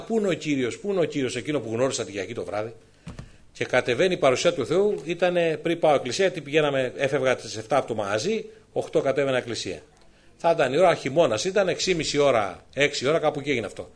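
A middle-aged man preaching his personal testimony, moving from soft asides to loud, excited exclamations. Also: medium pitch. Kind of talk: sermon testimony storytelling.

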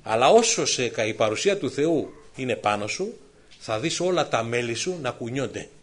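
A middle-aged man preaching his personal testimony, moving from soft asides to loud, excited exclamations. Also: medium pitch. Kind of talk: sermon testimony storytelling.

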